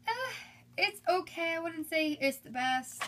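A young woman vlogger chats casually through a shopping haul at home, filming items on a bed with a handheld phone. Her voice is very high-pitched and expressive at a measured pace, slightly congested from a cold, and she's upbeat and chatty with frequent fillers. Background noise is audible.

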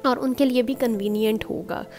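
A woman's voice: a little high, steady tone, moderate pace. Chatty woman explaining over background music. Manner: chatty, explains step by step, mixes in English words. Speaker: home cooking channel host. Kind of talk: casual how-to demonstration.

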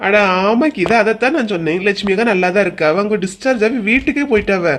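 A woman with a Kanyakumari Tamil accent playing Selva, a calm and sensible village woman in a cartoon comedy. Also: mid-range voice, quick pace, a little hiss or hum, lightly acted.

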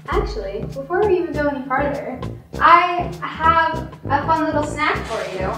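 A woman's voice: high voice, lively intonation, moderate pace. A woman hosting a playful prank interview, bubbly and teasing, laughing often. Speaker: interviewer at a team media day. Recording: echoey distant mic with loud music.

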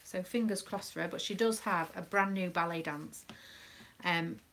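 Gravelly-voiced British mum chatting. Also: female voice, on the low side, normal speed, a bit bright, a little hiss or hum. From United Kingdom. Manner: chatty, rambling, with many ums. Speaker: craft live-streamer and dance mum. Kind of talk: casual live-stream chat.

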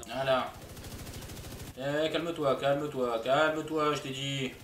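A man's voice: mid-range voice, fairly even intonation, unhurried, a bit bright, echoey room, far from the mic, slight background noise. A man streaming a shooter game, chatting casually with his viewers and joking in mock outrage. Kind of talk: casual live-stream commentary.

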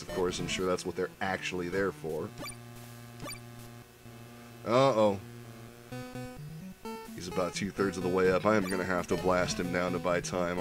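A man in his thirties giving sarcastic, profane game commentary with a sick, rough voice. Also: low voice. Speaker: let's play commentator. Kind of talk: gameplay commentary.

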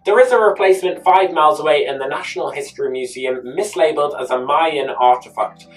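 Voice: mid-range voice, fairly quick. A YouTube host giving a scripted episode recap narration, adding chatty personal asides. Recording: distant mic with faint music behind.

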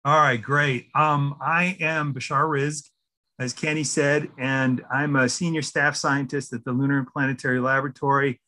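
A middle-aged man, a scientist, giving a presentation over a video call, careful and spelling terms out slowly. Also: mid-range voice, level tone, pushed and bright. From Syria. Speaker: guest scientist speaker. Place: room indoors. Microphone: video call webcam.

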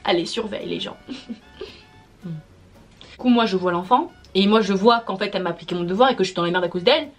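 A woman's voice: mid-range voice, fairly quick, pauses often, faint music behind. A young woman vlogging a storytime, exasperated and slangy, swearing as she vents. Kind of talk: casual storytime monologue.

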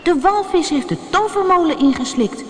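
A woman voicing Devo, a curious young sea creature who sounds high and surprised. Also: animated, normal speed, in a large hall, slight background noise.

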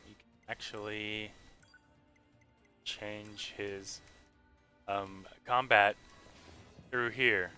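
A man commentating his own gameplay on a live stream, rambling and thinking out loud as he plays. His voice is very bright and sharp-edged. Faint game music plays behind him. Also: mid-range voice, clean tone. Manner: rambling, thinking aloud with many fillers.

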